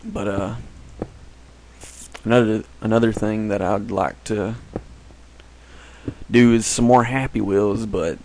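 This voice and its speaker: A man's voice: on the low side, fairly even intonation, slow, pauses often, a little mellow, slight background noise, low-quality recording. A man giving casual, rambling commentary while playing a game, often correcting himself. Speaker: gameplay commentator.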